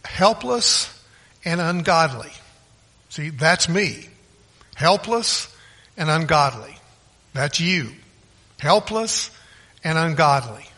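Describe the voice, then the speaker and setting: A man's voice: on the high side, animated, takes it slowly, pauses often, pushed and bright. A man preaching a sermon with emphatic repetition and homespun storytelling.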